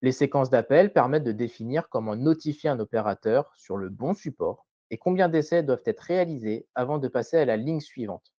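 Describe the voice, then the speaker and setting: A man presenting a scripted tutorial voice-over in a measured, didactic way, carefully enunciated. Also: mid-range voice, expressive, mellow, dry recording, muffled recording.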